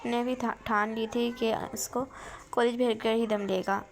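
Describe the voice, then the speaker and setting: A woman's voice: a little high, steady tone, a little slow. A woman narrating a romance novel aloud as a channel voice-over, reading steadily with small restarts.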